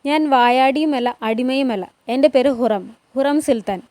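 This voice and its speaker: A fiery young woman who fights back and begs by turns, as a woman storyteller puts her on. Her voice sits high and sounds close and dry, as in a storybook read-aloud. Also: normal speed, darkish tone, no room sound, natural voice. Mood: defiant. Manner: pleading and defiant.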